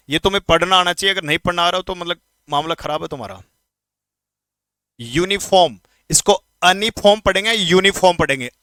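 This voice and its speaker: A man teaching English grammar in an exam-prep lesson, speaking informally to students and repeating words slowly to drill pronunciation. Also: on the high side, pushed and bright, smooth, dry recording. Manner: addresses students informally, asks quick questions.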